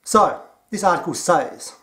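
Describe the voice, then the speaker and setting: A man with an Australian accent giving a mocking, deadpan commentary. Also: high voice, a little slow. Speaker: commentary vlogger. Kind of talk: sarcastic commentary.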